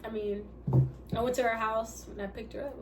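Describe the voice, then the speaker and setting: During a mukbang, a vlogger answers couple questions, chatting casually, rambling and losing her train of thought. Her light, somewhat feminine voice is fairly high, fairly quick and shows little pitch movement, captured on a distant mic with faint hiss.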